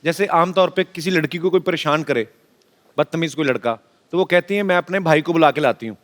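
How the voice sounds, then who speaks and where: A man's voice: a little high, a little fast, a bit bright. A man from Punjab hosting a comedy talk show, teasing his guests in playful stage banter. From Punjab, India. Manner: teasing, playful, chuckles while talking. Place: TV studio before a live audience. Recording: studio audience laughter and noise.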